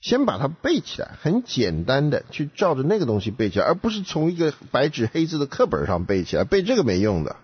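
A man's voice: a little high, wildly swooping pitch, quick pace, few pauses, husky, muffled recording. A man, co-hosting a casual talk show and giving advice emphatically, with rhetorical questions.

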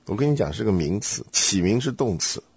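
A man's voice: lowish voice, animated, fairly quick, gravelly, lo-fi sound, noisy background. A man hosting a casual Bible study chat, teasing and quizzing his co-host and laughing often.

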